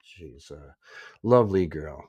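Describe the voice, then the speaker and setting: A man's voice: extremely low pitch, lively intonation, takes it slowly, darkish tone, breathy edge, dry recording. A man co-hosting a casual podcast, rambling with fillers and joking at his own expense. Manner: rambling, self-deprecating, many fillers. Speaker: podcast co-host. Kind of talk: casual chat. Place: echoey room.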